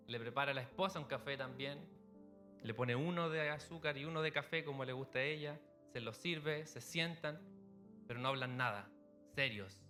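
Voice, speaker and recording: Bright-voiced preacher, conversational sermon. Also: male voice, mid-range voice. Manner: conversational preaching with illustrative anecdotes. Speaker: pastor. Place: church.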